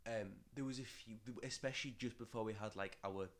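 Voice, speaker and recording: A man's voice: on the low side, a little fast. A young man hosting a podcast in casual chat, rambling, correcting himself and swearing offhandedly. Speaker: podcast host.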